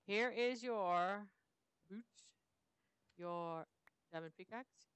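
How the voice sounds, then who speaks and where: A woman's voice: mid-range voice, drawn-out words, clean tone, no echo. A woman hosting a Minecraft let's play, chatting casually and playfully while she plays and sometimes breaking into sing-song. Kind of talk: casual gameplay commentary.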